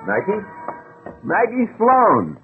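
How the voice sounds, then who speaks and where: An actor playing an evasive old flame on the run, halting and familiar, in an old radio drama. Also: male voice, sits high, huge pitch swings, music in the background, exaggerated voice. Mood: eager. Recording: muffled vintage radio recording.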